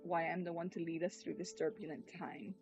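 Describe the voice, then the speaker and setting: A woman's voice: fairly low pitch, fairly even intonation, a little fast, a little mellow, muffled recording, voice pushed down, lightly acted. Woman voicing a grim cult leader, solemn, imperious, fantasy game dialogue read aloud, music behind.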